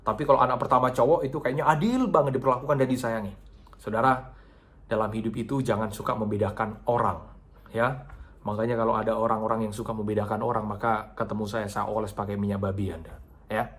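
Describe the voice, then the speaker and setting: A male pastor preaching a sermon, telling a story with big dramatic swings in pitch and loudness. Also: steady tone, quick pace.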